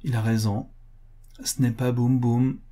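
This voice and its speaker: A man voicing a kindly, big male circus clown who talks softly, slowly and gently. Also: mid-range voice, little pitch movement, natural voice. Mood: gentle. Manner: soft, slow and gentle.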